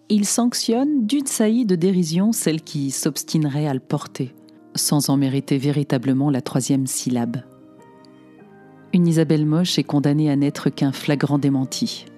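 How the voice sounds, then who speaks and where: A woman reading a first-person literary text aloud in a wry, ironic, deliberate manner. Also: low-pitched, mellow, slightly rough. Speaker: audiobook narrator. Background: faint music.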